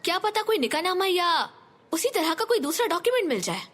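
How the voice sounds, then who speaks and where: A very high, anxious germ-phobic girl. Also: big pitch swings, fairly quick, a bit bright, full character voice. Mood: pleading. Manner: pleading, anxious, whiny. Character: fearful germ-phobic young woman who never leaves home. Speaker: younger sister. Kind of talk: dubbed TV drama.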